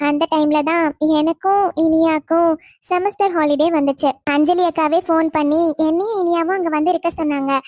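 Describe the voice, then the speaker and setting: Chatty female narrator for a cartoon story, very high voice, dry studio sound. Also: steady tone, a little fast, darkish tone, dry recording.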